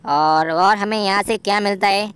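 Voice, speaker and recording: A man voicing an excitable, jokey young male game hero in a playful gameplay voiceover, full of exclamations. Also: high voice, moderate pace, clear, resonant tone, no room sound. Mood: chatty. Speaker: gameplay commentator voicing a character.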